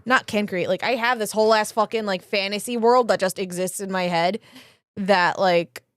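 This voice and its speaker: A woman's voice: medium pitch, steady tone, normal speed, fairly bright tone, dry recording. A woman co-hosting a podcast, rambling with many fillers and swearing in casual chat. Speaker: podcast co-host.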